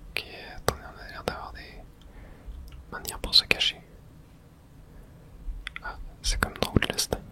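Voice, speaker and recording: A man whispers breathily without voicing, murmuring ASMR-style thoughts about a video game in brief remarks. His pace is measured, and he pauses often.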